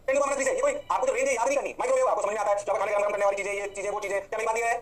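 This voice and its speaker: A man lectures on physics in a high voice, talking at a breakneck pace. He keeps asking questions and answering them himself in a student's voice. Now and then he stretches out playful exclamations. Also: steady tone. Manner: rapid, answers his own questions in a student's voice; drawn-out exclamations. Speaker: physics teacher. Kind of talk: fast classroom lecture.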